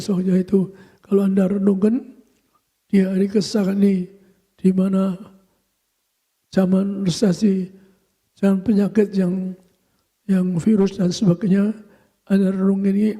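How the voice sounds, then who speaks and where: A man's voice: high voice, warm tone, husky. An older man, a pastor, preaching a sermon and tagging his phrases with a repeated "so". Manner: repetitive preaching, tags phrases with "so".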